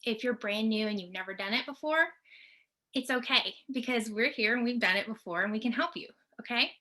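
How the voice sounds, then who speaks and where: A woman's voice: a little high, brisk, pushed and bright. A middle-aged woman from the US Tornado Alley region gives a chatty, reassuring presentation from her home office over a video call, checking in with her listeners as she goes. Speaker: team member presenting.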